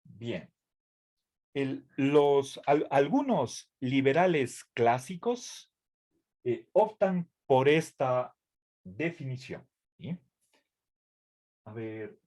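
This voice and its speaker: A man's voice: mid-range voice, lively intonation, drawn-out words, pauses often, darkish tone. A man giving a tutoring lecture, explaining carefully with fillers, restarts and a frequent "¿sí?" to check his students follow. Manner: hesitant, with many fillers and restarts, asks "¿sí?" often. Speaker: university lecturer.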